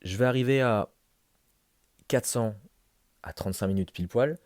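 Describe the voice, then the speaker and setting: A man's voice: mid-range voice, moderate pace, darkish tone, no echo, clean studio sound. A man giving a casual, conversational voice-over recap as a fitness challenge vlogger. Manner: informal, conversational, addressing himself and viewers.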